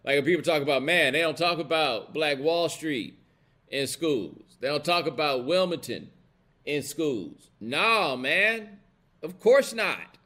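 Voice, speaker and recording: His voice a little high and a bit bright, with lively intonation and a slightly slow pace, an American man hosts a live commentary stream. He's casual and opinionated, talking bluntly and colloquially, emphasizing points and checking in with listeners.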